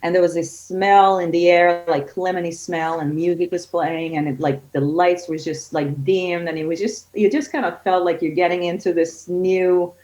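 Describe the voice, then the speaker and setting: A kids yoga studio owner from Israel, middle-aged, chats on a relaxed podcast interview with plenty of fillers, brightening with excitement when she recounts stories. Her lowish voice moves at a moderate pace with few pauses. Dull lo-fi audio.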